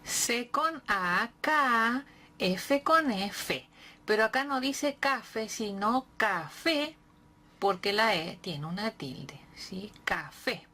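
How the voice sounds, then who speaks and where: A woman teaching reading, sounding out letters and syllables slowly and clearly, with patient encouragement. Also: medium pitch, animated, pushed and bright. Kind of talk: slow syllable-by-syllable reading lesson.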